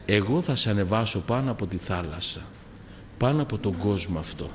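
A Greek man preaching a testimony sermon. He moves from soft, slow prayer to loud, rising exhortation. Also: on the low side, lively intonation, slight background noise. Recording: reverberant hall with faint background ambience.

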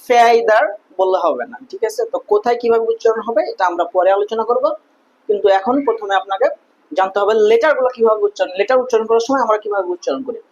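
A husky, somewhat breathy voice of a pronunciation teacher, patiently saying each sound again and again. The pitch sits in an ordinary middle range. The recording is dull and lo-fi. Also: rapid-fire, darkish tone. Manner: patient, repeats each sound several times. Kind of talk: spoken language lesson.

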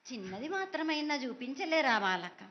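High, swooping prophetic trance voice of a woman. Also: very animated, normal speed, lo-fi sound, soft background music. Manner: commanding, speaking as a mother goddess to her children. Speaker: oracle delivering a festival prophecy. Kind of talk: prophetic trance voice, oracle pronouncement.

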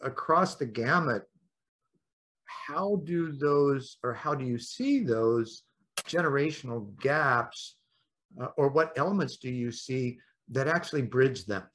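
A man's voice: mid-range voice, expressive, takes it slowly, a bit bright. A middle-aged man hosting a podcast, asking long, looping questions in an easygoing way over a video call. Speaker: podcast host and coach. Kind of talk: casual interview chat.

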